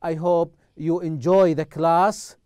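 Slow high-voiced teacher. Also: male voice, fairly even intonation, darkish tone, clear, resonant tone, no room sound, studio quality. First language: Arabic. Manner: slow, repeats words and drills pronunciation. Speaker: English teacher. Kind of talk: recorded classroom lesson.

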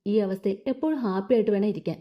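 A woman's voice: medium pitch, fast talker, natural voice. A protective elder brother soothes his sister, firm and tender, as a woman reader puts him on. His voice comes through a dull, lo-fi recording. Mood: comforting. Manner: comforting.

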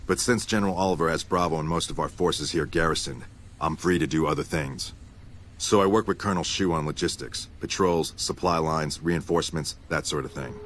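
A low-pitched male army captain speaks in measured, matter-of-fact game dialogue. He is businesslike and determined, with faint noise behind him. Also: fairly bright tone. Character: gruff, businesslike military captain hunting a mole.

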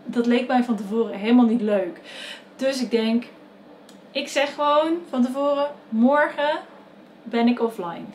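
A woman's voice: fairly high pitch, normal speed, darkish tone, a little hiss or hum. Chatty young Dutch woman telling a story. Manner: chatty, many fillers and self-corrections, laughs often. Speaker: vlogger telling her birth story. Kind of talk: casual storytelling to camera.

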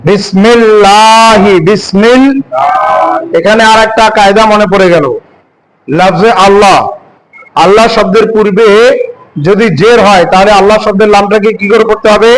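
A man's voice: sits high, a little hiss or hum, low-quality recording. A man teaching Quran reading in a classroom lesson, asking questions and answering them himself, drawing out words as he recites. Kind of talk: classroom lesson on Arabic letters.

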